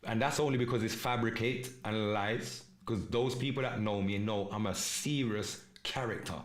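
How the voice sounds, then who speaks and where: Low-voiced man with Jamaican Patois-inflected English. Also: steady tone, normal speed. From England. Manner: emphatic and repetitive, mixes patois slang. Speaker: podcast host. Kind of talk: live podcast monologue.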